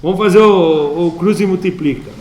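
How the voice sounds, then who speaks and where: Man, math teacher, Brazilian accent, high voice, playful and chatty, echoey classroom. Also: normal speed, darkish tone. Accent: Brazilian Portuguese. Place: school classroom.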